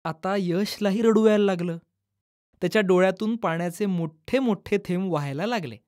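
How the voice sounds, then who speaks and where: Woman, storyteller, children's storybook, calm, expressive, middle pitch. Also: normal speed.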